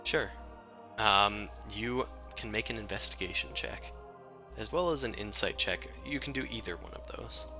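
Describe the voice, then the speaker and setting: A man narrating a tabletop game as game master in a halting, informal, casual way. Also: lowish voice, animated, music in the background.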